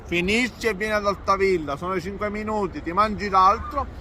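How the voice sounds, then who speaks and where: High-pitched Sicilian man, food vlogging in dialect-laced Italian. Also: brisk, sharp tone, a little hiss or hum. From Sicily, Italy. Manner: speaks Italian mixed with Sicilian dialect words. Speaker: food vlog host. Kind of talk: casual, exclamatory food vlog presenting.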